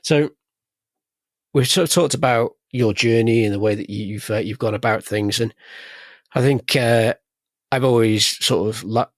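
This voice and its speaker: A man's voice: medium pitch, measured pace, dry recording, studio quality. A man hosting a podcast interview, chatty and joking, telling anecdotes. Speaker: podcast host. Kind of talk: casual interview chat.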